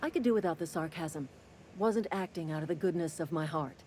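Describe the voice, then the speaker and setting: A man voicing a gruff, cynical company-town clerk in video game dialogue, speaking curtly and sardonically. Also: a little high, a little fast, darkish tone, slight background noise, close to an everyday voice, poor audio. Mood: curt, sardonic. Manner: curt, sardonic and impatient.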